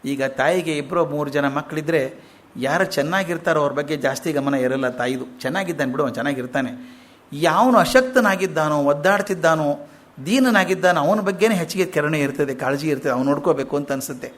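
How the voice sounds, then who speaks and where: A man voicing a sorrowful divine mother cow who speaks softly and tenderly about her suffering child. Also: fairly high pitch, a little fast, voice pushed down, natural voice.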